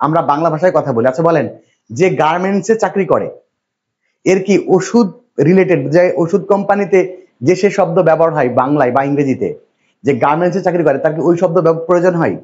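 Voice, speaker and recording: A man from Bangladesh lecturing a classroom, his voice a little higher than most men's. He talks in a repetitive, reassuring way and keeps quizzing his students. The recording is dull and lo-fi. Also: fast talker, darkish tone. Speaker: English teacher.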